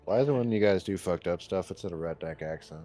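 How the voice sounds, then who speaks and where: A man narrating as game master of a tabletop game, amused and lively. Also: deep voice, fast talker, soft background music.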